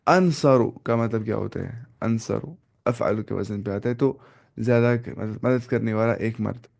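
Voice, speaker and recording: Gravelly-voiced man teaching Arabic grammar. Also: mid-range voice, a little mellow. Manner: slow and repetitive, drilling word forms with self-corrections. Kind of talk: classroom grammar lesson.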